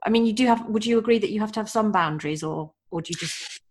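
A woman's voice: mid-range voice, fast talker. Conversational woman podcast host. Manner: conversational, frequent murmured agreement. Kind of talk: podcast interview.

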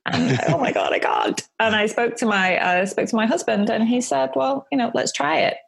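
A woman's voice: fairly high pitch, animated, normal speed, creaky, slightly rough. A woman, a chatty interview guest who talks with frequent ums. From north of England. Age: 40s. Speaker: guest, business owner. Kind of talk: casual interview chat.

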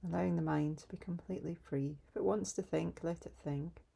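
A woman leading a calm guided grounding exercise in a soft, soothing, unhurried way, pausing between instructions. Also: on the low side, vocal fry, breathy edge. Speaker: meditation guide.

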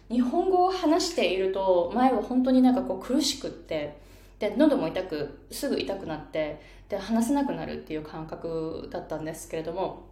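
A woman's voice: mid-range voice, a little mellow, reverberant. A woman pronunciation coach giving a casual spoken lesson and pointing to parts of her face as she explains.

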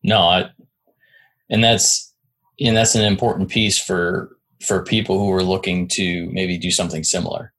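A man's voice: low-pitched, fairly even intonation, normal speed, fairly bright tone. A man hosting a conversational interview, talking in a rambling way with many restarts and frequent "right?" tags. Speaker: podcast host.

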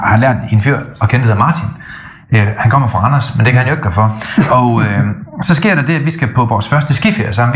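A middle-aged man co-hosting a podcast, talking in a casual, animated way that often stumbles and restarts. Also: medium pitch. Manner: animated storytelling with frequent restarts. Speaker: podcast co-host. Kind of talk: casual chat.

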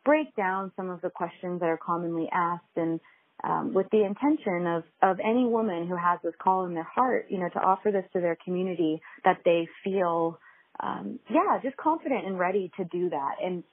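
Give me a hesitant woman host heard through a tinny, low-quality phone recording, her voice a little low and husky, with many ums and restarts. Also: animated, normal speed. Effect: low-quality recording made over a phone. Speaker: podcast host. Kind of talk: conversational interview.

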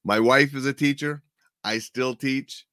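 A middle-aged man casually telling a personal story, animated and chuckling now and then as he goes. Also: medium pitch, unhurried, dry recording, studio quality.

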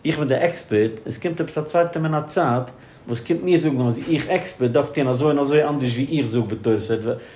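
A man hosting a podcast, asking questions and giving quick agreeing replies. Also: medium pitch, a little mellow, slight background noise. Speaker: podcast host. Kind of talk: casual podcast conversation.

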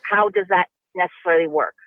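A woman in her sixties calls in to a talk show with a call-in question over a tinny phone line, her lowish voice fast and the recording dry. She rambles and keeps restarting her questions as she asks them.

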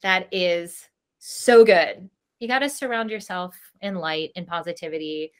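Speaking at a measured pace, this woman has a lowish voice with a clear, resonant tone. As the owner of a princess party company appearing on a podcast, she chats casually over video call, rambling effusively and adding giggly asides.

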